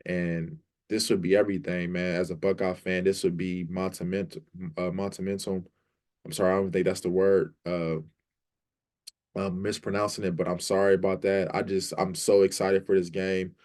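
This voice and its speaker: A man hosting a sports fan vlog, talking in a rambling, excitable way and often saying "man" and "like". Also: deep voice, normal speed. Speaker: sports fan channel host. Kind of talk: casual fan commentary vlog.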